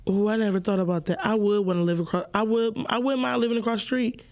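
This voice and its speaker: Gravelly, brash woman. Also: mid-range voice, fast, darkish tone, a little hiss or hum. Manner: blunt, brash, profane and playful, addressing listeners directly. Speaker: podcast host. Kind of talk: casual call-in podcast chat.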